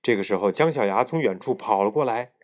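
A man reading a children's story aloud to a child at bedtime, in a lively, expressive way. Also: lowish voice, quick pace, muffled recording.

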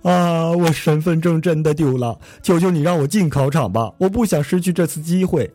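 A man's voice: very high-pitched, a little fast, faint music behind, pitched above the performer's own voice. A man voicing an exasperated, panicky student in a comic radio skit, with whiny, overwrought outbursts. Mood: desperate pleading. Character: exasperated, panicky exam student, loudly griping.

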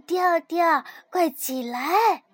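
A cheerful young rabbit boy from a children's storybook, calling out eagerly in a high voice, as a woman acts him out. The sound is dry and close. His pitch rises and falls a lot. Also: expressive, slow pace, dry recording. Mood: excited. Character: cheerful young male rabbit with long ears.

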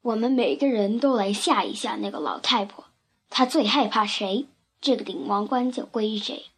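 A woman's voice: on the high side, lively intonation, measured pace. A woman voicing a proud, bossy male lion in a storybook, smug and boastful. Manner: boastful, scheming.

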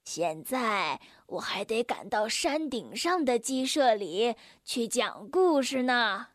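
Woman reading as a weary old grandpa storyteller, very slow and sighing, lilting up and down, dry booth sound. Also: a little high, animated, no echo, voice pushed down. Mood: gentle. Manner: slow, sighing, sorrowful delivery.

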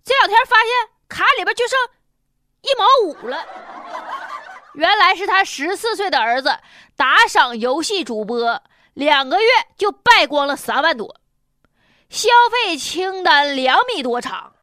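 A woman with a Northeastern Chinese accent delivers comic news commentary in colloquial, mocking style. Her voice is high and bright, with very lively intonation. She sounds blunt and punchy as she comments. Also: unhurried, dry recording, clean studio sound. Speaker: comedic news show host.

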